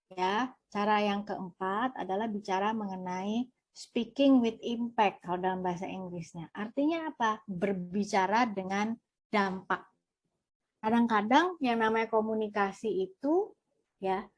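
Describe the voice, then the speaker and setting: A woman teaching a workshop, lively, asking and answering her own questions. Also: medium pitch. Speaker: trainer. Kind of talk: online workshop lesson.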